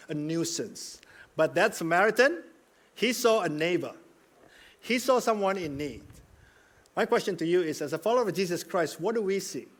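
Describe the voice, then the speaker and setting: A man preaching a sermon in an earnest, emphatic way, often checking in with the listeners by asking "right?". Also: sits high. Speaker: pastor.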